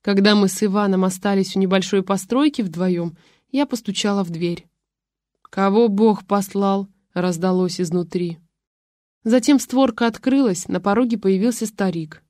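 A woman narrating a first-person story aloud in a lively storytelling manner. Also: mid-range voice, normal speed, no room sound, studio quality.

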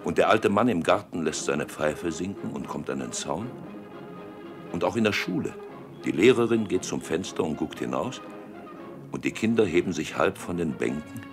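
A man narrating a literary script in a deliberate, evocative manner with dramatic pauses. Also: low voice, animated, music in the background.

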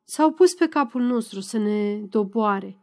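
A woman's voice: medium pitch, lively intonation, warm tone, lightly acted. Woman voicing a sad, hesitant schoolteacher. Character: worried middle-aged male schoolteacher.

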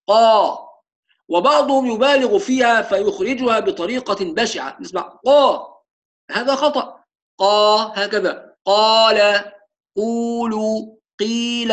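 A man with an Egyptian accent teaching Quran recitation. He mixes formal Arabic with colloquial asides and slows down to stretch out each letter he demonstrates. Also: high-pitched, fairly bright tone. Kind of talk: tajweed lesson with spoken demonstrations.

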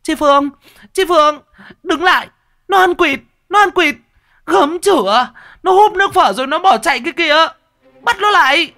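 Shrieking young women. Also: male voice, animated, moderate pace, exaggerated voice. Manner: shrill, yelling.

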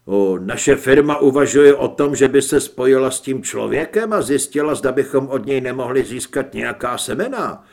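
Man doing an eager businesslike merchant, ingratiating, lively pitch, storybook. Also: gravelly, few pauses.

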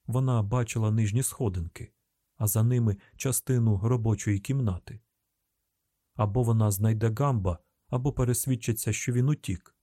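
A male narrator with a Ukrainian accent tells the story in a tense, measured voice. His tone is warm and dark, recorded dry and close to the mic. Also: mid-range voice, dry recording. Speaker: audiobook narrator. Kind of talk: scripted narration.

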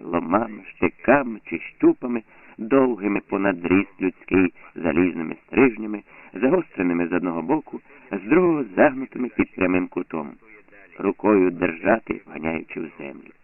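A man narrating an audiobook in a measured, somber storytelling manner. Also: deep voice, creaky. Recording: tinny lo-fi phone-like sound.

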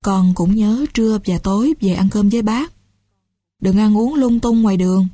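A woman reading the lines of a kindly middle-aged uncle who speaks gently and later scolds in exasperation. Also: mid-range voice, moderate pace, dry recording, close to an everyday voice. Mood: gentle.

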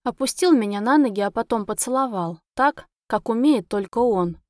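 A woman narrating a romantic fantasy audiobook in the first person, expressive and emotional. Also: on the high side, moderate pace, no room sound, studio quality.

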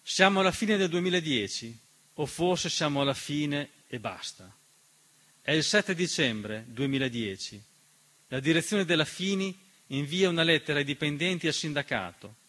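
A stage narrator and writer-performer delivers a scripted theatrical monologue, declamatory and accusatory, packed with rhetorical questions. His voice sits fairly high and a bit bright, with lively intonation at a moderate pace.

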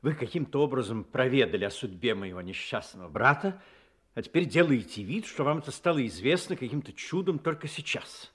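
An actor playing an earnest, sensitive gentleman doctor, a detective's companion, speaking formally and expressively in a Russian radio play. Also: medium pitch, expressive, a little fast, breathy edge. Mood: hurt, indignant.

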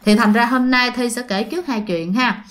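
A woman's voice: a little high, moderate pace, fairly bright tone. Chatty woman storyteller. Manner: chatty, addresses listeners directly. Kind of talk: casual horror storytelling.

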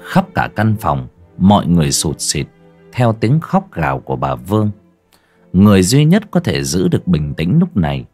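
Narrator for a dramatic audio story; animated intonation, faint music bed. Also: low voice, moderate pace, breathy edge.

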